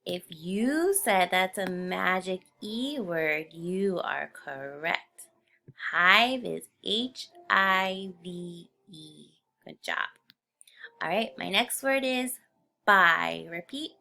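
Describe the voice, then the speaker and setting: A woman teacher takes a phonics spelling lesson very slowly, sounding out each letter with patience. Her voice is bright and a bit gravelly, and it sits somewhat low. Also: animated.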